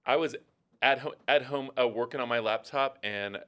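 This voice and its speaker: Thoughtful middle-aged pastor, halting speech. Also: male voice, medium pitch, fairly bright tone, smooth. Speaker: pastor and podcast co-host. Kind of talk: casual podcast conversation.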